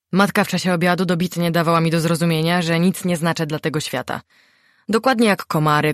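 A woman reading a first-person novel aloud in an expressive, animated way. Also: sits low, dry recording, studio quality. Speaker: audiobook reader. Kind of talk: first-person audiobook narration.

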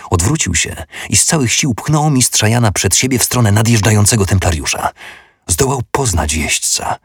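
A man narrating an audiobook in a steady, measured way. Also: lowish voice, slightly rough, no echo, studio quality.

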